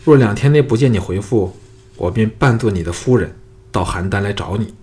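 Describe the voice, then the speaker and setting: A male audiobook reader voicing a proud, cold, teasing young swordswoman, a little higher and louder than his narration. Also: animated, a little fast, breathy edge. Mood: haughty.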